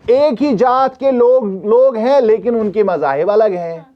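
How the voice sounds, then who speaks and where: High-voiced teacher, dull audio. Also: male voice. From Kashmir. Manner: checks understanding often, reads English questions slowly. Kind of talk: classroom revision lesson.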